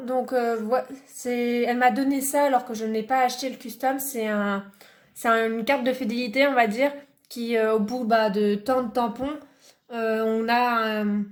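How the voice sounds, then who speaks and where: A woman from France chatting casually in a hobby vlog, showing items and talking with lots of fillers and restarts. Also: fairly high pitch. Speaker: hobby vlogger. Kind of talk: casual vlog with show-and-tell.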